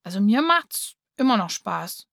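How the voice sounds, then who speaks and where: A woman's voice: mid-range voice, big pitch swings, measured pace, vocal fry, fairly bright tone, dry recording, studio quality, exaggerated voice. A woman voicing a shy, thoughtful schoolboy who talks hesitantly. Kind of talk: audiobook reading.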